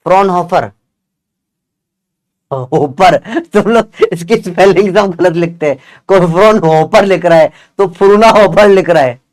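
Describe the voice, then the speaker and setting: A man's voice: sits high, measured pace, no room sound. A man teaching a casual lesson, chatty and joking, often checking whether his students follow.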